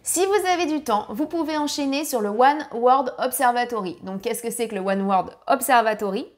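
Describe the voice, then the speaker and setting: A woman's voice: fairly high pitch, normal speed. A woman narrating a family travel guide with practical tips, now and then apologizing for her English pronunciation.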